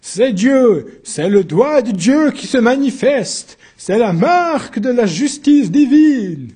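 A man's voice: very high-pitched, big pitch swings, takes it slowly, warm tone, husky, pitched above the performer's own voice, full character voice. A man voicing a fervent village priest proclaiming divine justice. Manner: declaiming, emphatic.

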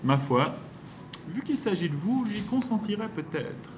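A man voicing a bitter, scornful woman left by her husband, who speaks in a sharp, mocking, accusing way. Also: medium pitch, sing-song, unhurried, background noise, voice pushed up. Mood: taunting.

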